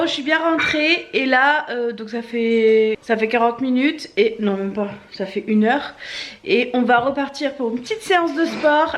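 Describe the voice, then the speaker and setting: Woman, vlogger, high-pitched voice, casual chat to camera.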